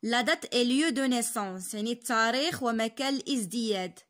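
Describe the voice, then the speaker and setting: A young Moroccan woman with a Moroccan Arabic accent tutors French online, reading French sentences slowly and then explaining them in quick Darija. Her voice is fairly high-pitched with a fairly bright tone.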